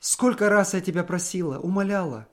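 A man voicing a distressed young wife in a storybook reading, pitched well up, pleading and reproachful. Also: fairly quick, natural voice. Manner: high strained reproachful pleading.

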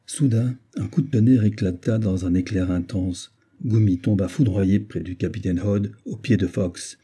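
A man narrating an adventure novel in a steady, measured audiobook reading. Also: lowish voice, husky. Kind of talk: scripted narration.

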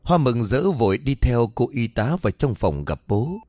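A man narrating a dramatic story in a steady, measured way. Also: mid-range voice, no room sound, soft background music.

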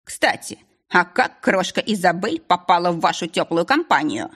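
A woman's voice: lowish voice, animated, moderate pace, a bit bright, slightly rough. A woman voicing a sneering male royal secretary who reports a murder with cold mockery. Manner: sneering, dismissive.

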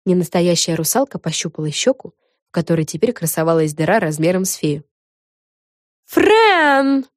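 A woman narrating a children's storybook in an expressive, lively way. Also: low voice, fast talker, no room sound, studio quality. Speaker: audiobook narrator.

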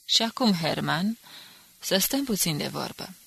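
A menacing, ironic male agent taunts his captive in a low, gravelly voice, read by a woman. The delivery is husky and dry, like a storybook reading. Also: animated, pushed and bright, no echo, heavily acted. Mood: mocking. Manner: ironic and threatening.

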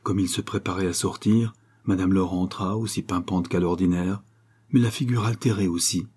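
A man reading a classic novel aloud as an audiobook narrator, in a measured storytelling manner. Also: low-pitched, steady tone, a little mellow, breathy edge. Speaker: audiobook reader. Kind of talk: scripted narration.

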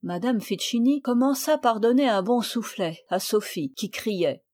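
A woman reads a children's classic aloud in a clear, expressive storybook style. Her voice sits somewhat high for a woman and carries the narration steadily. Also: unhurried. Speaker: audiobook narrator. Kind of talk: storybook reading.

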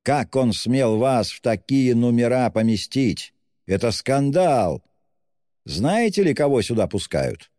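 A man voicing a drunk, excitable young man who shouts and gushes, fiercely self-abasing in a storybook reading. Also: mid-range voice, slow pace, no room sound, clean studio sound, in a large hall, voice pushed up. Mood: effusive. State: tipsy.

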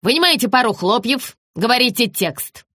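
A woman doing a bossy shouting film director. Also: fairly high pitch, animated, normal speed, dry recording, clean studio sound, voice pushed up. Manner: barking orders, impatient.

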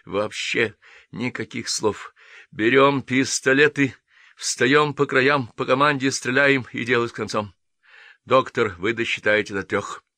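A man voicing a hot-headed young lieutenant bent on revenge, speaking hoarse and clipped in an audiobook. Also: medium pitch, unhurried, sharp tone, dry recording, voice pushed up, full character voice. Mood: furious.

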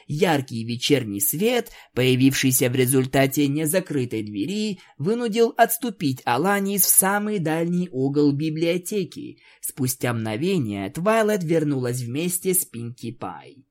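A man reading a story aloud in a dramatic, animated way. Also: fairly high pitch, a little slow, few pauses. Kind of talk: storybook narration.

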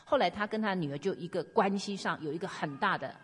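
A woman's voice: on the low side, quick pace, slightly rough. A woman preaching earnestly, sharing testimony and urging her listeners on. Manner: earnest, exhorting. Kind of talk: sermon with personal testimony. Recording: long hall reverb.

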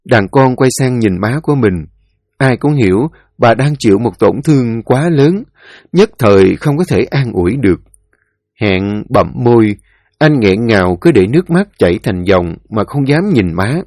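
A man reading a story in a solemn, expressive way. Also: medium pitch, normal speed, no echo, clean studio sound. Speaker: narrator. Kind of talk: scripted story narration.

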